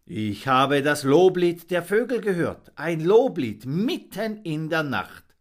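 A proud, fatherly old raven from a storybook, voiced by a man. He speaks gently, with quiet pride. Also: a little high, very animated, slow, voice pushed up. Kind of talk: storybook reading.

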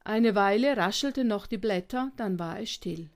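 A woman reading a children's story aloud as narrator, gentle and unhurried. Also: mid-range voice.

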